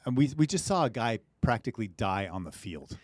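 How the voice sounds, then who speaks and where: A man's voice: on the low side, big pitch swings, brisk, darkish tone, no echo, clean studio sound. A man co-hosting a casual football podcast, asking leading questions with jokey asides. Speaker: podcast co-host. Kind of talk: casual chat about football.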